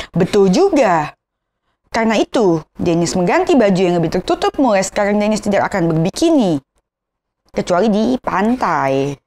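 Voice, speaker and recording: A woman's voice: on the high side, darkish tone. A woman with a Jakarta Indonesian accent and a lisp on her r's, rambling and tripping over words in a casual gossip rant to viewers. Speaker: vlogger.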